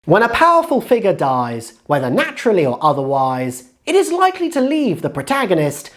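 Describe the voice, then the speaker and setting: A woman giving scripted narration for a writing-tips video, explaining in a measured way with strong emphasis. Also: lowish voice, wildly swooping pitch.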